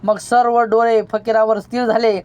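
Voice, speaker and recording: A narrator reads a novel aloud with a measured, steady storytelling delivery. The voice sits at a middle pitch and keeps an even pace. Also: dull audio.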